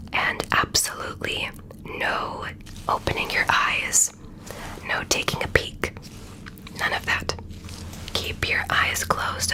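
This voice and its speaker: A woman whispering soothing, deliberate instructions as a doctor in an ASMR roleplay. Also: low-quality recording.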